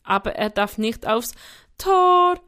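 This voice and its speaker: A woman voicing a bold, cheeky young boy in an audiobook, loud and quick to protest. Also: a little high, animated. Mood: cheeky, indignant. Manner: loud and indignant. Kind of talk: audiobook character voice.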